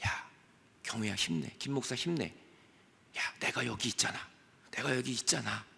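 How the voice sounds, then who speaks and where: A male pastor voicing Jesus as a gentle, encouraging figure within a church sermon. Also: medium pitch, normal speed, creaky, husky, pitched below the performer's own voice, heavily acted. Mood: soft comforting. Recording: long hall reverb.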